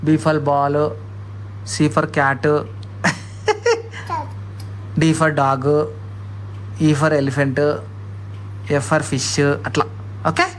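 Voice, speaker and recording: A man's voice: a little high, big pitch swings, very slow, long pauses, slight background noise. A father, chatting at home with his toddler, coaxing and scolding by turns and repeating words for her. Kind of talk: casual family chat with a toddler.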